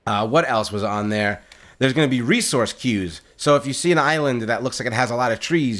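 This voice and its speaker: A loud, chatty gaming channel host with a medium-pitched voice talks upbeat over his gameplay in casual solo commentary. His speech is packed with fillers and words said twice, and his setup uses a condenser mic on a boom stand.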